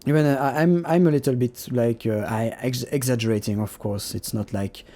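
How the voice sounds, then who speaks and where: A man casually talking over his own painting process, halting with many fillers and restarts and laughing at himself. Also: mid-range voice, warm tone. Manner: self-deprecating, laughs at himself. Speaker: digital artist.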